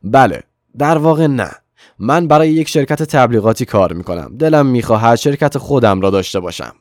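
A man voicing a hesitant young man in a storybook reading, answering unsure and low. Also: lively intonation, no room sound, studio quality, close to an everyday voice. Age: young adult. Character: unsure young man seeking wealth, timid.

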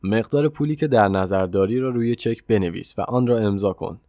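A man reading the part of a calm, self-assured wealthy male millionaire who mentors a young man in an audiobook story. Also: fairly low pitch, no echo, studio quality, lightly acted. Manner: calm and insistent.

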